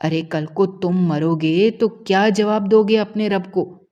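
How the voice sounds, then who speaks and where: A woman's voice: medium pitch, flat delivery, dark tone, muffled recording, lightly acted. A woman voicing a compassionate young stranger who pleads earnestly and reproaches a cruel father in a storybook tale. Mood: reproachful.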